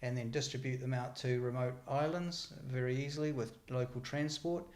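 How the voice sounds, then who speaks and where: Even-toned, halting man in a roomy space. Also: medium pitch. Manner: hesitant, halting delivery. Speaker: company sales engineer interviewee. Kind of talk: casual interview answers. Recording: roomy echo.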